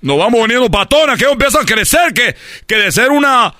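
A man's voice: very high voice, sing-song, brisk, no echo, studio quality, full character voice. A man voicing a boastful male Cuban baseball player with a Cuban accent, telling a story in a radio comedy sketch. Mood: brash, boastful. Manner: brash storytelling, loud exclamations.

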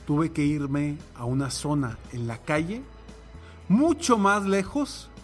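High-voiced man giving a motivational talk. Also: lively intonation, slow pace, faint music behind. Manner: reflective, asks rhetorical questions. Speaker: motivational speaker.

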